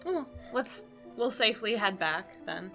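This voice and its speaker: A woman playing a tabletop game, chatting casually in an expressive, joking way with some swearing. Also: medium pitch, a little slow, vocal fry. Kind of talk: casual chat, playful role-playing. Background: faint music.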